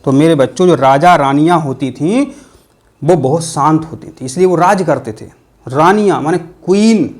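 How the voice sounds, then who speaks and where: A man's voice: a little high, normal speed. A man teaching a physics exam-prep lesson, playful and full of repeated mnemonics. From India.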